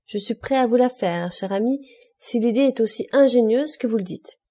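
A woman reading the lines of a polite, skeptical young French gentleman in a storybook, in a courteous, measured way. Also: a little high, lightly acted.

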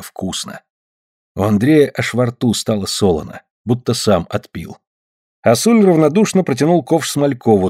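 A man tells a story in an expressive audiobook reading, his pitch moving freely up and down. His voice is husky, and the recording is dry and close. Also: no room sound. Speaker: narrator.

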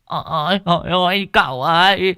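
A man's voice: sits high, moderate pace, sharp tone, clear, resonant tone, no room sound, clean studio sound, pitched above the performer's own voice. A man voicing an old village man who wails and sobs in lament. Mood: wailing. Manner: wailing, sobbing lament. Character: old village man wailing over his master.

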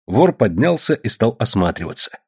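Male audiobook narrator; husky, animated, dramatic. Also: fairly low pitch, moderate pace. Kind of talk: expressive audiobook reading.

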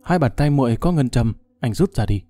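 A man's voice: medium pitch, animated, brisk, warm tone, dry recording, natural voice. Give me a cold, demanding young woman from a martial-arts storybook, voiced by a male reader. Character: proud sharp-tongued young woman, jealous and bossy.

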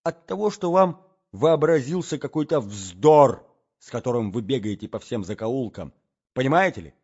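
A stern young man, played by a male reader who scolds and lectures in a low, reproachful hush. The sound is dull and lo-fi. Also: expressive, moderate pace, breathy edge. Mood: scolding. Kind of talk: audiobook character reading.

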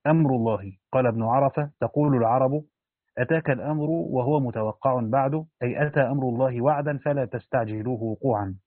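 A man's voice: medium pitch, quick pace, no room sound. A man gives a religious lesson, reading a Quran commentary aloud and adding plain spoken asides for his students. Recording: dry, thin phone-like line.

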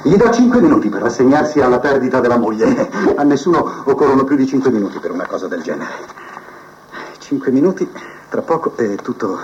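An actor playing a proud, scheming male prison inmate who believes he is a genius, musing aloud to his cellmate in a theatrical TV drama monologue, drifting between soft mutters and sudden outbursts. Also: mid-range voice, sing-song, a little fast, slight background noise, close to an everyday voice. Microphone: cassette recorder mic held to a TV speaker. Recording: muffled TV audio taped off a set onto cassette.

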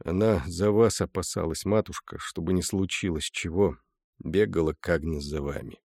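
A man doing a gruff, gentle grown son. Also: low voice, moderate pace, no room sound, clean studio sound. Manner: sullen yet soothing.

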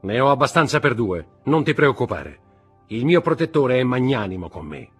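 Cocky young man, fast, clipped, raised pitch, as a male reader voices him, husky, faint music. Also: sing-song. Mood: impatient. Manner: quick, clipped, offhand.

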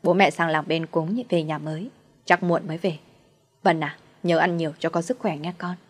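A woman's voice: sits low, fairly even intonation, normal speed. A woman narrator voicing a cruel, scheming older mother-in-law with harsh scolding and fake sweetness in a storybook reading. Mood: falsely sweet.

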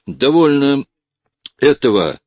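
A man's voice: lowish voice, big pitch swings, slow pace, husky, no room sound, voice pushed up, heavily acted. A man doing a stern army officer barking orders. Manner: clipped, forceful commands. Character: blunt, stern army officer, commanding and harsh.

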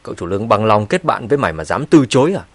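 A man doing a hot-headed shouting thug. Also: fairly high pitch, sing-song, quick pace, breathy edge, no echo, voice pushed up, heavily acted. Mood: angry.

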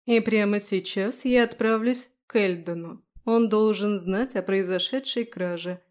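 A woman voicing a calm, stern female stewardess who speaks in a measured, weary way. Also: mid-range voice, lightly acted. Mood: firm.

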